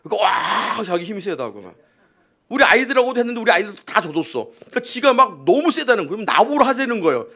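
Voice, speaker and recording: A man's voice: high-pitched, big pitch swings, quick pace, pushed and bright. A male pastor preaching a live Sunday sermon. He tells a story, acts out quotes and keeps asking the congregation rhetorical questions. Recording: live church service.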